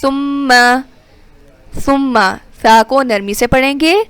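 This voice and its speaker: A woman teaching Quran recitation rules, explaining quickly and then reciting verses slowly and drawn out. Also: sits high, steady tone, no echo. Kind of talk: tajweed lesson with recitation.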